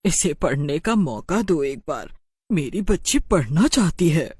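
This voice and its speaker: A woman's voice: deep voice, measured pace, slightly rough, no echo, studio quality. A woman narrating a storybook tale expressively, giving each character a voice. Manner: expressive, acting out every voice.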